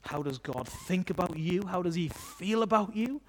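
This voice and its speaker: A man's voice: sits high, animated, normal speed, a little hiss or hum. A man preaching a sermon in a chatty, conversational way, often adding tag questions.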